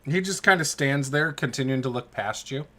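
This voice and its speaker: With a sharp tone at medium pitch, a man narrates off the cuff as game master of a tabletop game. His delivery is casual and halting while he searches for words.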